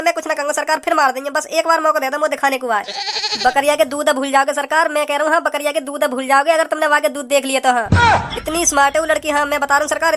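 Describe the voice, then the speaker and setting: A woman's voice: high-pitched, background noise, voice pushed up, natural voice. A woman voicing a cowering old male henchman who stammers and repeats himself while begging in a comic cartoon dub.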